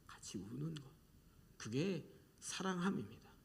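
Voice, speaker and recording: A middle-aged man preaching a sermon with a fairly high voice. He delivers it in a lively, animated way, slipping into quoted voices and sinking to near-whispers for emphasis. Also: measured pace, gravelly, a little hiss or hum. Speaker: pastor.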